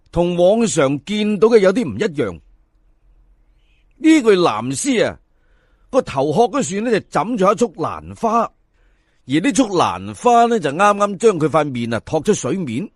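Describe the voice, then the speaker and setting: A Cantonese man takes his time narrating a folk tale episode, his slightly high male voice swinging lively in pitch. Chatty and theatrical, he speaks directly to his audience, recorded close and dry with no room sound.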